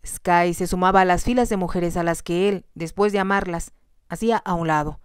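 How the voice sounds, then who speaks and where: Female storyteller, soft ASMR reading, gentle and calm, smooth low-ish voice. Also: moderate pace, no room sound, clean studio sound.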